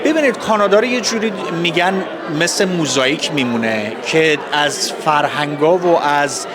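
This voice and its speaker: A man with an Iranian Persian accent giving formal, courteous, halting interview answers. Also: fairly high pitch, expressive. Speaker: festival organizer interviewee. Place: public festival space with crowd. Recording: busy crowd noise, outdoor public event.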